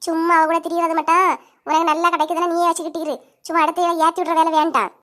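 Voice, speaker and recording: A woman voicing quarrelling village women in a cartoon comedy, sharp and scolding, with a Kanyakumari Tamil accent. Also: very high voice, flat delivery, fast talker. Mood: quarrelsome. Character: bickering village women neighbours, quick-tempered.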